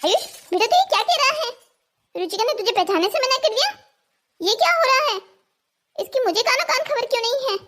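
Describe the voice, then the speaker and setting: A woman's voice: extremely high pitch, animated, fairly quick, pushed and bright, voice pushed up, full character voice. A woman voicing a fussy, worried old grandmother in a cartoon story, scolding and alarmed. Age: older.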